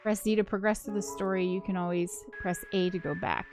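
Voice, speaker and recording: A gaming channel host leads a let's play, alternating between casual chat and reading a visual novel's text aloud over the game's soundtrack music. Her medium-pitched voice is fairly even and a little fast.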